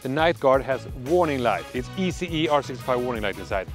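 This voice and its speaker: An animated middle-aged man from Sweden, with a Swedish accent and medium pitch, eagerly demonstrates a product for a vlog. He hesitates and uses fillers like a keen salesman, out on a dark countryside road at night with soft music in the background.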